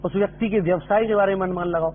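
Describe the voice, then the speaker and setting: A man's voice: high-pitched, steady tone, racing. A middle-aged man giving a spoken lecture on acting, explaining and mixing English terms into his talk. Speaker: drama lecturer. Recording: tinny phone-line audio with faint hum.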